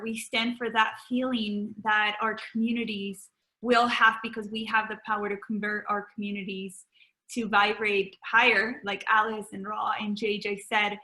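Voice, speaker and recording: A woman's voice: medium pitch, pushed and bright, roomy sound. A woman hosting a video call, upbeat and motivational. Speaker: host. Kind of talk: casual Zoom talk.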